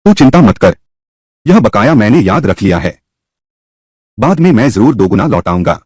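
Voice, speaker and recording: A man's voice: lowish voice, sing-song, normal speed, darkish tone, slightly rough, no echo. A man voicing a resentful, rebellious young man in a dubbed drama, complaining and defiant. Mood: threatening.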